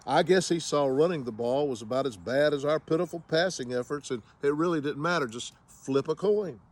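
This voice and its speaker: A man's voice: on the high side, brisk. A man giving a casual spoken review of a football game, with wry, sarcastic humor.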